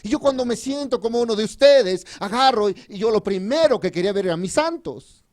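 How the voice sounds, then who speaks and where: A man from Mexico preaching a sermon with a personal testimony at a church retreat. He is fervent and swings between loud emphasis and quiet, confiding asides. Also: high-pitched, expressive, a little fast.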